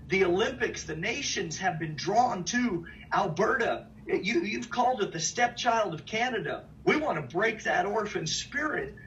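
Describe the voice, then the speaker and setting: A man's voice: high voice, fairly bright tone, distant mic. A man speaks in an emphatic preaching style, stretching out key words for weight. He sits well back from a dull-sounding mic, with a faint hiss of noise behind him. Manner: emphatic, draws out key phrases, lists places. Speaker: minister.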